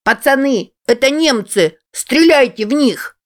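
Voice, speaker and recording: A brash young boy who bosses his little gang around and hurls taunts at the top of his voice, as a woman reading the book puts him on. The voice sits well above her own and comes out loud and cocky. It is storybook audio, the kid's defiance carrying every line. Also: high-pitched, animated, a little slow, pitched above the performer's own voice. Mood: defiant. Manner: shouting, taunting.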